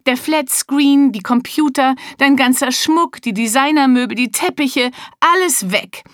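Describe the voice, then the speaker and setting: Woman doing a loud, blustering rich man. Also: high voice, unhurried, dry recording, studio quality, pitched above the performer's own voice. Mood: aghast. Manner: shouting, indignant.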